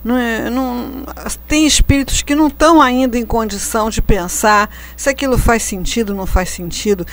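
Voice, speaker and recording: Woman, slightly high voice, co-host in a relaxed spiritual talk, ironic, laughs at her own jokes. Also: moderate pace. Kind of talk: casual reflective conversation.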